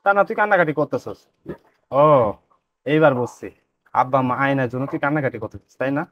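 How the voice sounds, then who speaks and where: A man playing a quick-tempered, demanding village husband. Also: mid-range voice, animated, lo-fi sound, lightly acted. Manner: blustering, demanding.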